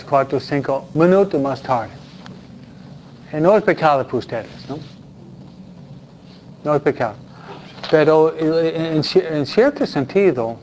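Chatty priest, dull lo-fi recording. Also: male voice, a little high. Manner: chatty, self-deprecating humor, frequent "¿no?" tag questions. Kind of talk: informal Q&A talk with audience. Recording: dull lo-fi sound with faint noise.

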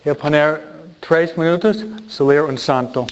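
In a muffled, lo-fi recording with background noise, a male priest preaches a casual sermon with humor. His voice sits a little high, his pace is very unhurried, and he hesitates often while tossing rhetorical questions to the congregation.

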